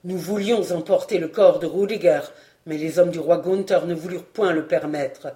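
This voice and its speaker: An audiobook reader voicing a wounded, loyal old male master-at-arms, grave and measured. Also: mid-range voice, mellow, natural voice. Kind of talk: audiobook reading.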